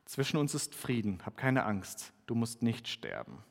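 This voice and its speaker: A calm, solemn divine messenger, read by a man, slow and hushed in delivery. His mid-pitched voice rings out in a long church reverb. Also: gravelly, exaggerated voice. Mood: reassuring. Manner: slow, low and quiet, reassuring.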